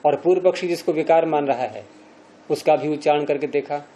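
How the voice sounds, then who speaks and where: A man's voice: on the high side, fairly quick, dark tone. A man teaching a classroom lecture on Sanskrit grammar, explaining step by step and quizzing his students as he goes.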